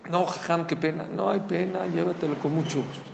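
A man voicing a calm, wise rabbi. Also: a little high, brisk, gravelly, roomy sound, big-room sound, background noise, voice pushed up. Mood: explaining. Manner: calm, explaining. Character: wise, generous older rabbi.

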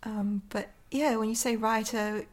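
A woman poet and author, interviewed, speaks casually and reflectively in an understated, tentative way. Her voice is a little high and unhurried, with fairly even intonation.

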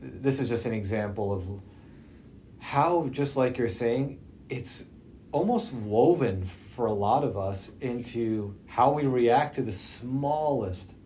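A man's voice: medium pitch, slow, dark tone. Masked male podcast host, slightly muffled, noisy recording. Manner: speaking through a face mask, slightly muffled. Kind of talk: casual podcast conversation. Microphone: socially distanced podcast setup. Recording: muffled through mask, noticeable background noise.

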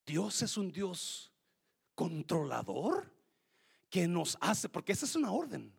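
A male pastor preaching a sermon, swinging from quiet storytelling to loud, urgent exhortation and questioning the congregation, sometimes switching into English. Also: high voice, huge pitch swings, slow, gravelly, slightly rough. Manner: switches between Spanish and English mid-sermon.

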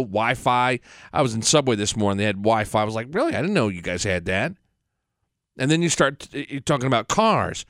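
A man hosts a casual podcast on his own. His voice is smooth and clear, recorded very dry, and he speaks bluntly and with opinion in an unscripted, conversational way. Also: medium pitch, fairly bright tone, no echo. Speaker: podcast host.

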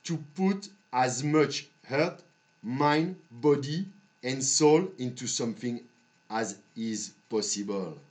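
Slow-speaking, halting male podcast host. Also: mid-range voice, animated. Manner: halting, with long pauses and repeated words. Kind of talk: motivational monologue for a podcast.

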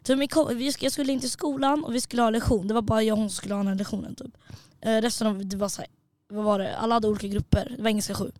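A young woman co-hosting a podcast in casual chat, telling animated stories, acting out quotes and mixing in English words. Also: a little high, hardly any pauses, no echo. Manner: animated storyteller, acts out quotes, mixes in English. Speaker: podcast co-host.

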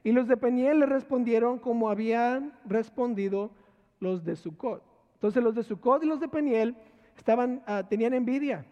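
A pastor preaches a sermon in a very high-pitched voice at normal speed, firing repeated rhetorical questions at his listeners and repeating key words. The recording sounds echoey, as in a hall, with dull lo-fi quality.

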